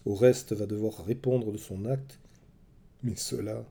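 Deep dark mellow guy narrating a myth story, slow and dramatic. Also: steady tone, vocal fry, husky. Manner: measured, dramatic storytelling, soft at the close. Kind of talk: scripted narration of a myth for listeners.

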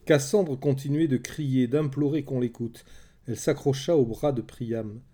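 Dark-voiced male storyteller. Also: mid-range voice, fairly even intonation. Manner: measured, dramatic storytelling. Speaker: narrator. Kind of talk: scripted storybook narration.

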